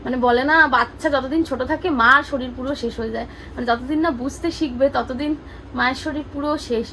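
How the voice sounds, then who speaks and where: A tired mother speaks in a high voice with a gravelly, creaky edge. She coos to her baby and then chats casually to the camera, with faint noise behind her. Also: steady tone, a little fast, sharp tone, low-quality recording. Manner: cooing baby talk to her infant between talk to the camera. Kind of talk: casual vlog chat.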